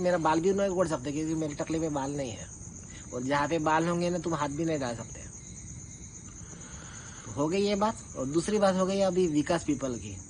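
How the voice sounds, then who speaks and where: Sounding like someone with a grievance, a man pushes back in a casual, confrontational spoken rebuttal, throwing out accusations. His voice is a little high and a little mellow. The recording quality is poor, and insect-like chirping is clearly audible behind him.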